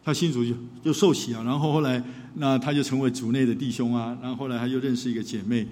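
A man preaching as a pastor and counselor, telling a story and acting out the dialogue in a lively way. His pitch sits in a middle register. Long reverb from a large hall follows his voice. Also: fast talker. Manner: animated storyteller who acts out dialogue. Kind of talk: sermon storytelling.

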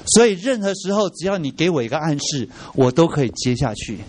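A middle-aged man's voice, a little high and fairly quick, fills a church training class as he lively quizzes listeners with rhetorical questions and drops in English words. Slight background noise is present.

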